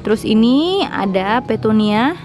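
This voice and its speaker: A woman's voice: on the high side, expressive, measured pace, music in the background. A young woman narrating a casual tour of her rooftop garden, chatty and enthusiastic as she explains each plant. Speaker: vlogger, home gardener.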